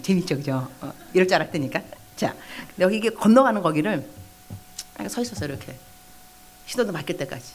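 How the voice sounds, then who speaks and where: Brief: middle-aged woman pastor, lower pitch, very lively intonation, conversational sermon in a church hall, faint hum underneath. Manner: animated storytelling with quoted outbursts and chatty asides. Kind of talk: lively evangelistic sermon to young adults.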